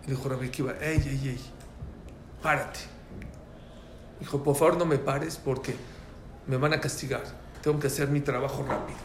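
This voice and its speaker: Here the man's voice is mid-range and quick, set against a noisy background in an echoey space with faint ambience. He runs a lively religious prayer class, animatedly telling anecdotes and performing the voices in them.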